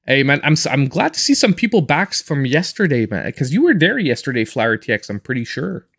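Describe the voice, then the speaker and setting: A man's voice: medium pitch, sing-song, brisk, gravelly, fairly bright tone, husky. A man in his forties chatting casually and in a reserved way while he live-streams a game as host. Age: 40s.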